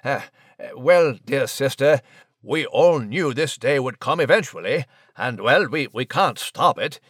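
An actor playing a stammering, polite gentleman mouse. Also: medium pitch, animated, unhurried, husky, dry recording, studio quality. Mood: flustered. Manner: stammering, old-fashioned and polite. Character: fussy English gentleman mouse.

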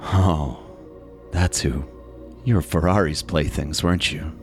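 A man's voice: low-pitched, measured pace, faint music behind. A man voicing a gaunt, cold, smug male villain in a tabletop game, speaking in a mocking, menacing way. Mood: gloating. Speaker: villain played by the game master.

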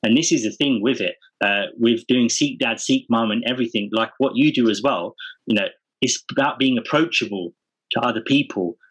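A man's voice: mid-range voice, normal speed, fairly bright tone, husky, poor audio. A man speaking earnestly and informally as a guest in a casual podcast interview. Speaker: podcast guest, parenting community founder.

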